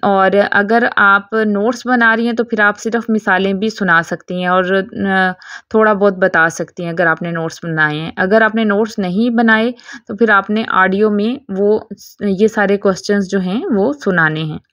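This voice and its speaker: A woman teaching Quran recitation in a recorded audio lesson, explaining patiently and reciting examples slowly. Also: mid-range voice, fairly bright tone, no echo, studio quality.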